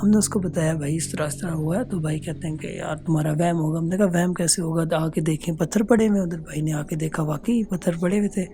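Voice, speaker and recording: Mellow-voiced man recounting a haunting. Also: on the high side, fairly even intonation, slight background noise. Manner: earnest, unhurried, hesitant with many pauses. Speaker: listener telling a ghost story. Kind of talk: casual spoken recounting of a true horror experience. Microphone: phone voice note.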